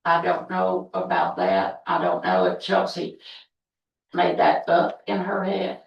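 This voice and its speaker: Hesitant, creaky-voiced woman witness. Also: on the low side, very animated, slow pace. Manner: hesitant, broken phrasing. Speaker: witness testifying. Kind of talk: hesitant courtroom testimony. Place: indoor courtroom. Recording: distant, echoey, muffled courtroom audio.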